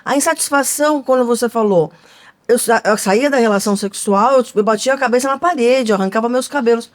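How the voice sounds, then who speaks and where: A woman's voice: a little high, fast talker. A woman co-hosting a podcast, talking earnestly and emphatically, posing rhetorical questions. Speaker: podcast co-host. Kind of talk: conversational podcast talk.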